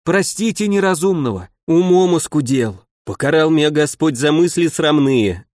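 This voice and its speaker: A man's voice: a little high, expressive, moderate pace, a little mellow, no room sound, clean studio sound, voice pushed up, close to an everyday voice. A man voicing a groveling, frightened merchant who pleads and fawns, in an audiobook reading. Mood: pleading. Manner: pleading, fawning.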